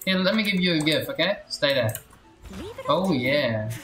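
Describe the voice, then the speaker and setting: An animated man with a fairly bright, highish voice talks at normal speed while streaming a video game. His casual live commentary comes in short, playful exclamations muttered to himself and his chat, set against roomy echo and game music.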